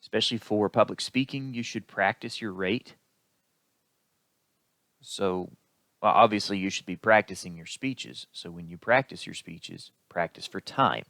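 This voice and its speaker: Low-voiced man giving a recorded lecture. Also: gravelly, a bit bright, dry recording. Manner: explanatory, unhurried, with occasional fillers. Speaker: instructor.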